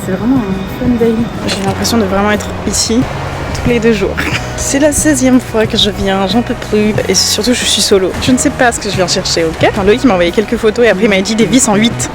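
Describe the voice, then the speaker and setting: Young woman, from France, exhausted, rapid rambling vlog chat, self-mocking, phone camera, music behind. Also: mid-range voice. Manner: chatty, tired, self-mocking, rambling asides. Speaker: vlogger. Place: car, shops and home, moving around.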